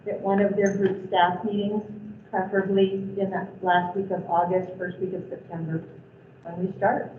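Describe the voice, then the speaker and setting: A woman's voice: medium pitch, slight background noise. Woman in an echoey boardroom. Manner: matter-of-fact, detailed explanations. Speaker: school nurse. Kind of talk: answering questions at a board meeting. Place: school district boardroom. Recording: echoey room, tinny far-off mic.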